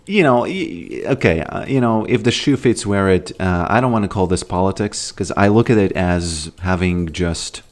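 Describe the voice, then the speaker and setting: Here a man from Latvia chats casually during a gaming livestream, rambling, musing, and greeting his viewers. His voice is low-pitched and moderately paced, with hardly any pauses.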